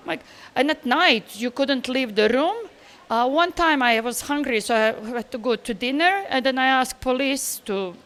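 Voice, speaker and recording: A woman from Bosnia speaks with a high, light voice. She is in her forties and tells her travel stories casually and with energy, with loose grammar and easy laughter. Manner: animated storyteller, laughs easily, loose grammar. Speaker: guest traveller. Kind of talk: casual interview answers.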